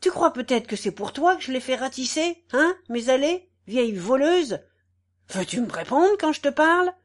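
A woman's voice: mid-range voice, expressive, slow pace. Woman putting on a pompous bullying squire. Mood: furious. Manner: boastful, then furious and shouting, then fawning.

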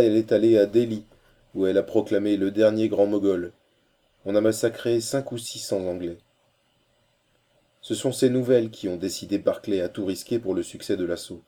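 A man reading a novel aloud as audiobook narrator, in a measured, steady storytelling way. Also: lowish voice.

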